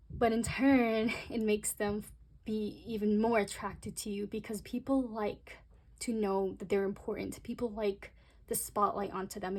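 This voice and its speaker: Woman doing a casual tarot reading, husky voice with lots of vocal fry, fast and rambly, talks right at the viewer. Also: mid-range voice, a little mellow. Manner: chatty, rambling, speaks straight to viewers; talks fast by her own account. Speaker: tarot reader.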